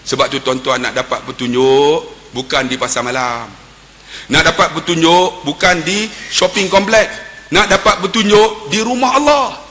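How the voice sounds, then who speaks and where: Male preacher, very bright tone, dramatic swings in volume, recorded in a reverberant hall. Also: high-pitched. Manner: emotive, swings from loud exclamations to hushed tones. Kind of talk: storytelling sermon. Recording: reverberant hall with faint noise.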